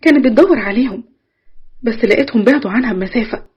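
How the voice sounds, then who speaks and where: Fast-talking Egyptian woman storyteller. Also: fairly high pitch, breathy edge. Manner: fast, lively narration. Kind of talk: storytelling narration. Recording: lo-fi recording.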